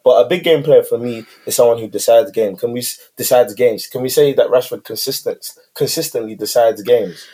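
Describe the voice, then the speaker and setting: A man's voice: medium pitch, fairly quick, hardly any pauses, warm tone, husky. A young man with a London urban accent in casual sports discussion, slangy and making his case point by point. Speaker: football podcast co-host.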